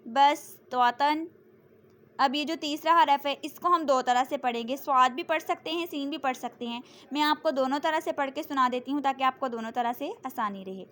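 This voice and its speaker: A woman teaching Quran reading rules, explaining patiently and then slowly spelling out and reciting words for learners to follow. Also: high voice, a bit bright. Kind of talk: step-by-step recitation lesson.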